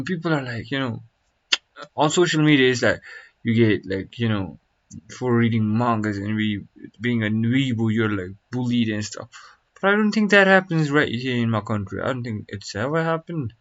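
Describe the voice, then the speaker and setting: A man's voice: mid-range voice, expressive, moderate pace. A young man streaming, chatting casually and reacting to a video in a rambling, slangy way full of fillers. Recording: dull lo-fi mic.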